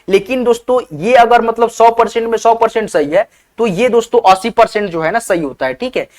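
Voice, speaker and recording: Guy teaching spelling online, spells stuff out letter by letter, keeps saying theek hai. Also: very high-pitched. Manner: addresses viewers as friends, asks them to comment. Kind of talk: spelling lesson for beginners.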